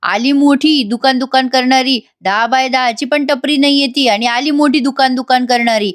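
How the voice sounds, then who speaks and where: A woman's voice: on the high side, steady tone, a little fast, close to an everyday voice. Woman doing a bullying male builder. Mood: threatening. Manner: scolding, bullying. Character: pushy threatening male builder.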